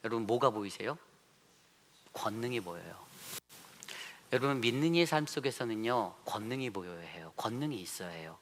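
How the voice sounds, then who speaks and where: A man, a pastor, preaching a Sunday sermon in a church, animated, with rhetorical questions and acted-out quotes. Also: fairly low pitch, moderate pace, pauses often, a little hiss or hum. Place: church sanctuary.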